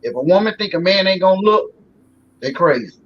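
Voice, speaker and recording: His voice sits high here, fairly quick with a lively lilt, as this forties-something guest chats on a talk show. The casual, folksy talk is full of fillers, recorded with a faintly noisy, slightly dull quality.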